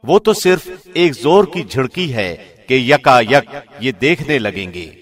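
In the measured, solemn declamation of a radio presenter, a man formally reads a scripture translation. His voice is medium-pitched and animated.

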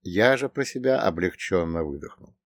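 A man's voice: deep voice, lively intonation, moderate pace, no echo. Man narrating in a dry, close voice. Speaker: audiobook narrator. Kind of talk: first-person audiobook narration.

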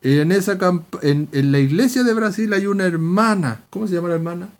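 Preacher, middle-aged man, high-pitched, animated testimony teller. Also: brisk. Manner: animated storytelling, acting out voices in quotes. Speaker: Bible teacher. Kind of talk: sermon with personal testimony.

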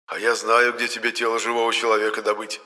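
A man's voice: fairly low pitch, completely flat delivery, fast talker, bright, forceful tone, in a large hall. A fussy, squeamish one-eyed ghost, as a man puts him on. He comes across as nervous, and it is read as an audiobook.

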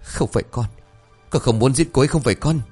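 A man's voice: mid-range voice, animated, brisk, breathy edge, faint music behind, pitched above the performer's own voice. A man voicing an enraged, violent young husband with a raised, harsh delivery, in an audio story. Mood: panicked. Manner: shouting accusations, raised and harsh.

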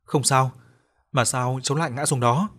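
A man as a gentle young man soothing a child. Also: mid-range voice, steady tone, moderate pace, natural voice.

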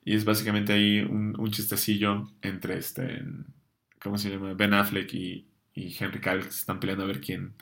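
A man's voice: lowish voice, completely flat delivery, normal speed, vocal fry, fairly bright tone. A young man hosting a casual comics show, chatty with many fillers and restarts, answering viewer questions.

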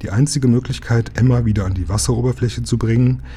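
A man reading a children's book aloud, telling it calmly and evenly. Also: medium pitch, quick pace, breathy edge. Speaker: narrator.

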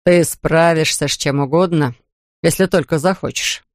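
A reader voicing a tired, gentle middle-aged fisherman who speaks slowly and evenly, read close to a dry studio mic. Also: mid-range voice, no room sound, close to an everyday voice. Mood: calm.

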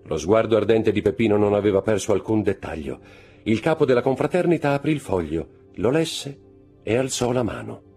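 A man narrating a classic novel as an audiobook in a dramatic, expressive reading style. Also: fairly low pitch, a little fast, slightly rough, faint music behind. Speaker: audiobook reader. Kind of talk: scripted narration.

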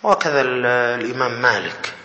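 A man's voice: medium pitch, lively intonation, fast, bright, forceful tone. A man, a professor giving a critical lecture-style talk in a sarcastic manner. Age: 40s. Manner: sarcastic, mimics dialogue. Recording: echoey hall with faint noise.

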